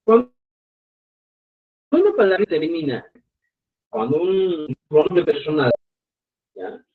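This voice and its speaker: Male teacher, live online lesson, patient and full of check-ins, slightly high voice, phone-like sound. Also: big pitch swings, slow, slightly rough. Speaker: language teacher. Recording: tinny phone-like audio.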